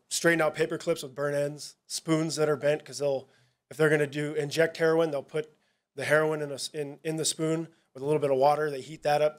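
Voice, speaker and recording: A narcotics officer with a slightly high voice gives a presentation at a public town hall, speaking plainly to the audience. His delivery is casual and halting, with frequent stops and restarts mid-sentence.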